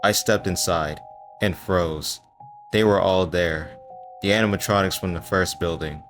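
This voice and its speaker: A man telling a first-person horror story in a hushed, suspenseful voice with dramatic pauses. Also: sits low, steady tone, soft background music. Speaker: storyteller and voice actor.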